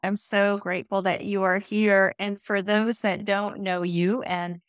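A woman's voice: mid-range voice, little pitch movement, measured pace, no echo. Encouraging woman host, dry sound. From Romania. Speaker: podcast host. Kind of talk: casual interview talk.

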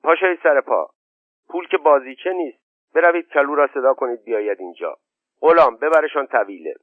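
A man's voice: mid-range voice, expressive, dry recording, close to an everyday voice. A man voicing a bossy, scolding older aunt. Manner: sharp, scolding. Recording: tinny narrow-band, dry.

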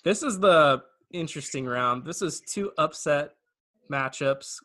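A man's voice: fairly high pitch, animated, measured pace, pushed and bright. A man hosting a casual podcast, announcing matchups and giving blunt opinions. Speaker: podcast host running the bracket.

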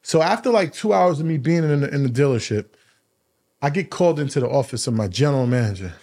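A man hosting a podcast, telling a personal story in a casual, animated way, often repeating words and using slang. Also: fast talker. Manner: animated, acts out quoted dialogue with raised pitch; uses casual slang and profanity. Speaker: podcast host.

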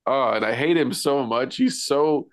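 A man's voice: medium pitch, measured pace. A man co-hosting a podcast, chatting casually about a TV episode, full of fillers, restarts and laughs. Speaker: podcast co-host. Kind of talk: casual TV recap chat.

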